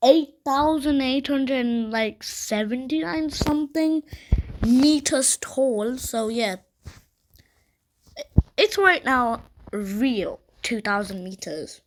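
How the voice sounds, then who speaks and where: A woman hosting a reaction video, chatting casually in a halting way with lots of fillers. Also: sits high, a little hiss or hum.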